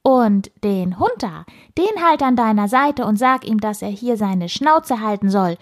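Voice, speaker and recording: A woman voicing a cheeky little male squirrel with a squeaky, piping voice, teasing and lecturing in a storybook. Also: lively intonation, measured pace, lightly acted. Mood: stern. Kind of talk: storybook narration.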